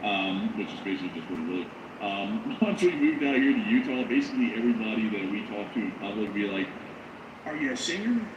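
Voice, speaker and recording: A man's voice: on the low side, lively intonation, fast. A man from the United States with a radio-announcer-like voice, chatting casually as he co-hosts a live news stream. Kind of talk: casual livestream chat and reading supporter messages. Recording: roomy, dull lo-fi, clear background noise.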